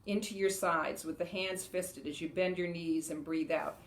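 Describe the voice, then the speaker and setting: Middle-aged woman, casual meditation teacher, lower-pitched, laughs easily, on a camera mic. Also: fairly even intonation, normal speed. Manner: chatty, laughs often, loud rhythmic "ha" shouts during exercises. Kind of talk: casual instructional talk to camera.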